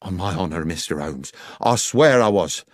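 A man's voice: low-pitched, lively intonation, normal speed, dry recording, studio quality. A man voicing an anxious, deferential railway guard defending himself. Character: anxious working-class male railway guard.

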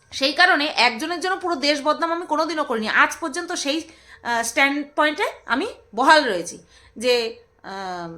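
High, bright-voiced woman ranting scornfully. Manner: scornful, mocking, with rhetorical jabs. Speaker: vlogger. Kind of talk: ranting commentary to camera.

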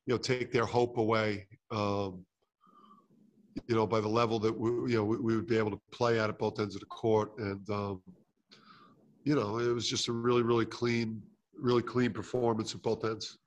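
Speaking into a table mic right in front of him, a middle-aged head basketball coach answers postgame press questions before a sponsor backdrop. His voice is fairly low and level at a normal speed, the audio dull, and he often uses fillers and restarts sentences.

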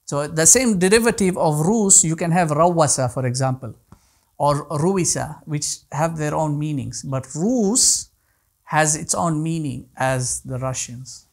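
His voice high-ish, gravelly and unhurried, a man in his thirties with Kutchi as his first language teaches an online class. He answers questions from a small indoor living room, restarting often as he explains.

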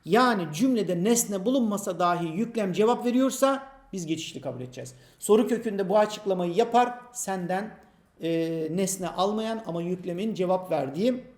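A male teacher giving an exam prep grammar lesson, explaining slowly and patiently, asking questions and answering them himself, and speaking to imagined students by name. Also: sits high, animated, a little mellow, roomy sound.

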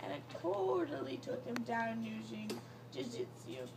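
Young woman, groggy from anesthesia, slow drawn-out rambling, creaky, boastful casual chat, noisy phone recording. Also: fairly high pitch, wildly swooping pitch. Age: young adult. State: groggy from anesthesia after surgery. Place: small hospital recovery room, lying in bed. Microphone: handheld phone a short way off.

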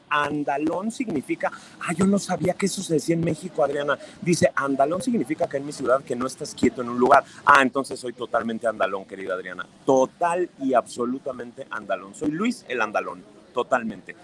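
A man's voice: medium pitch, animated, a little fast, a bit bright, rough recording. A man with a Mexican accent hosting a casual livestream, reading viewers' comments aloud in a chatty, affectionate, playfully teasing way. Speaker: livestream host.

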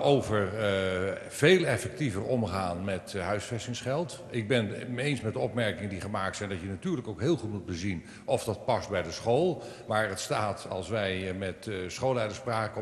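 A man speaking on a conference panel, hesitant with many pauses and fillers, in a large hall. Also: fairly low pitch. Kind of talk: panel discussion. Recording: echoey hall.

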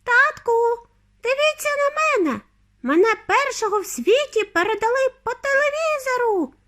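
A woman voicing a tiny boy shrunk to mouse size, with a squeaky, whiny, demanding voice. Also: sing-song, moderate pace, a bit bright, heavily acted. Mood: excited.

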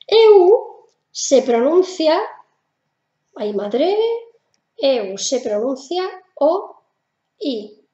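A woman's voice: high voice, very animated, extremely slow, long pauses, mellow, reverberant, highs cut off. A woman with a Spanish accent from Spain teaching German pronunciation in a casual video lesson, patient and repeating each sound.

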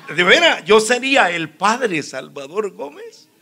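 Animated, bright-voiced male preacher. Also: sits high, unhurried, slightly rough. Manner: animated storyteller, acts out dialogue, laughs often. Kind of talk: sermon with personal testimony.

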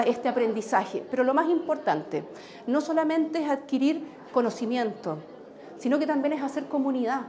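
A woman's voice: sits high, darkish tone. A woman in her thirties, a regional government official, speaking articulately in a news interview with some fillers. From Chile. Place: indoor exhibition room.

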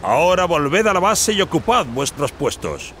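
An actor playing a proud, determined young prince in a fantasy game, commanding and declamatory, with game sound behind him. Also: male voice, on the high side, very animated, moderate pace, fairly bright tone, slight background noise. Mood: rallying. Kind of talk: scripted fantasy game acting.

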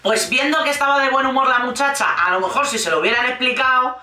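A woman from Spain, judging by her accent, mocks a reality show in casual commentary, swearing freely and acting out the lines she cites. Her high-pitched voice is fast and sharp-toned, over soft background music. The sound is roomy and echoey, with her somewhat distant from the mic.

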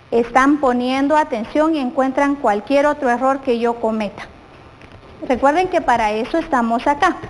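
Guatemalan woman teacher, high and slow, quizzing kids, long studio reverb. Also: a little hiss or hum. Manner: slow, questioning the viewers often. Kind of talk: televised classroom lesson.

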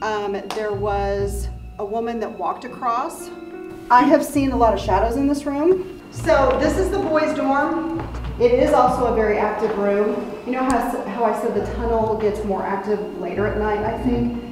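Higher-voiced woman guiding a tour, echoey room. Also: moderate pace. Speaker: tour guide. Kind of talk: explanatory guided tour talk. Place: indoors in a large old building. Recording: echoey room with music behind.

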